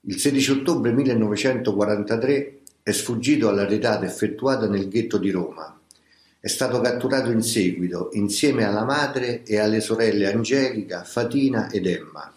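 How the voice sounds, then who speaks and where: Low-voiced man reading a memoir gravely. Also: a little mellow. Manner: slow, grave, measured reading. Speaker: reader of a memoir. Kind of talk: scripted audiobook narration. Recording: roomy echo.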